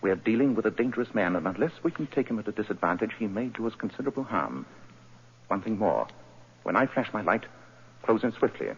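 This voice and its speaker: An actor playing Sherlock Holmes as a sharp, commanding detective, in crisp 1940s radio style. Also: male voice, lowish voice, lively intonation, slight background noise. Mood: calm. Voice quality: crisp, authoritative, brisk. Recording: muffled old radio broadcast.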